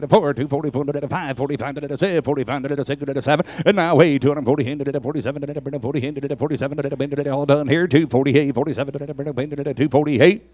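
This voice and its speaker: A man's voice: a little high, fairly even intonation, a little fast, hardly any pauses, darkish tone, dry recording. A man working as a livestock auctioneer, chanting mostly numbers over and over. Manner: number-heavy repetitive calling.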